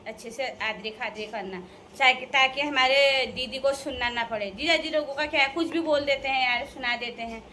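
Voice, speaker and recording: A young woman with a high, bright voice, chatting to her viewers in a casual vlog. Her manner is playful and teasing, and she laughs often. Faint noise sits behind her. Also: fairly even intonation, fairly quick. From Uttarakhand hills. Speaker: vlogger addressing viewers.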